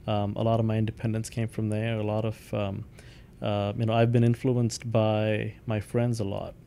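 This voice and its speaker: A man's voice: lowish voice, completely flat delivery, normal speed, vocal fry, dark tone, a little hiss or hum. A man from India, a company founder and CEO, answering interview questions in a thoughtful way, with many ums and restarts.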